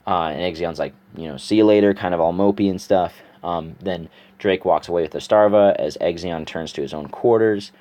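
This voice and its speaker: A man with a notably low voice recounts a fantasy tale in loose, everyday speech. He draws as he talks, so he wanders, restarts and pads his sentences with fillers. It sounds like someone narrating his own story for viewers rather than performing it. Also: moderate pace, few pauses, darkish tone. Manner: rambling, filler-heavy, thinking aloud. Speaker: storyteller and artist. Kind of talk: casual spoken storytelling while sketching.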